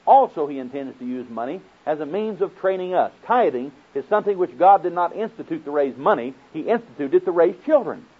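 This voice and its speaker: A man preaches in an Oklahoma accent, folksy and direct, moving between scripture and plain questions. His voice sits a little high with a husky grain. The recording is narrow and thin, like an old phone line. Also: expressive, brisk, hardly any pauses. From Oklahoma, United States. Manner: folksy, rhetorical questions to listeners. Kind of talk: sermon teaching with scripture quotations. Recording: muffled, narrow phone-like sound.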